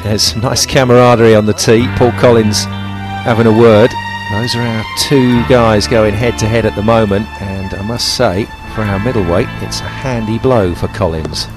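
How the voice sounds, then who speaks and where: Male golf commentator, lowish voice, punchy broadcast phrasing, clear music bed underneath. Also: fairly even intonation, normal speed.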